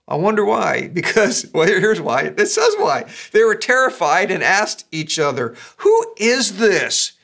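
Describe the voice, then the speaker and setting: An older man, a pastor, preaching a sermon in a conversational, animated way with quick asides. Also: high voice, creaky.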